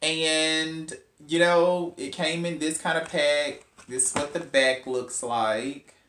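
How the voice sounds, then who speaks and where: A man with a slightly high, bright voice speaks slowly and forcefully, his intonation fairly even. As a hair stylist vlogger, he chats casually through a hair tutorial, rambling with playful asides. The sound is roomy with a faint hum.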